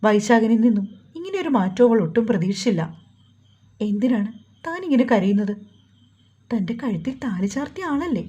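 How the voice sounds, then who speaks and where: A woman storyteller reading a family drama as an audiobook, in a calm, steady manner. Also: on the high side, normal speed, pauses often, slightly rough, dull audio. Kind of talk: scripted audiobook narration.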